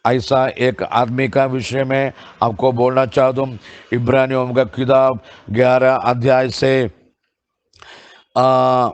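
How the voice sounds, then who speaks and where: A male preacher gives a sermon in a mid-range, clean voice, unhurried and measured, with a flat, even tone on a lo-fi recording. He stumbles, restarts phrases with filler sounds, and reads scripture passages slowly and deliberately.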